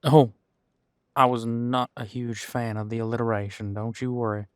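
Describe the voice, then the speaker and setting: In an audio roleplay addressed to an unseen partner, a man plays a friendly supernatural squad cop who has served for years, reminiscing in an easygoing, folksy, slightly hesitant way. His smooth, natural medium-pitched voice stays level at a moderate pace, recorded clean in a studio with no room sound.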